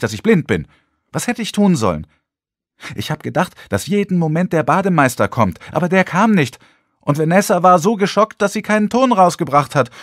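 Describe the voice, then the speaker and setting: A man reading an audiobook, voicing a blunt, sharp-tongued blind teenage girl in a raised higher voice. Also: husky, no echo, studio quality. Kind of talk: audiobook character voice.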